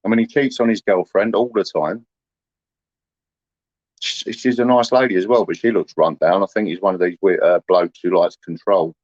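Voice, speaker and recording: A man's voice: deep voice, fairly even intonation, normal speed, a little mellow, dry recording, lo-fi sound. A man, chatting casually to livestream viewers in a rambling, aggrieved way, full of "you know".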